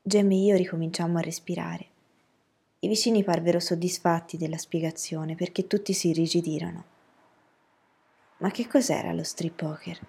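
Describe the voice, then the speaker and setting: A woman reading a novel aloud as an audiobook narrator, telling the story in an even, steady way. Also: on the low side, normal speed, creaky, slightly rough.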